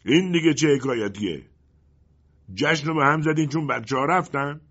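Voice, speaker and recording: A man playing a bitter, greedy middle-aged male colonel in a storybook reading, with a husky voice and stern outbursts. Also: medium pitch, lively intonation, fairly bright tone, voice pushed up. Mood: stern shouting. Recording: dull lo-fi recording.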